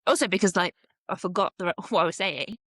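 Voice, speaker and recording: A woman's voice: lowish voice, fast, fairly bright tone, no echo. A woman co-hosting a podcast, telling stories in casual chat, swearing freely and using many fillers. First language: English. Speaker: podcast co-host.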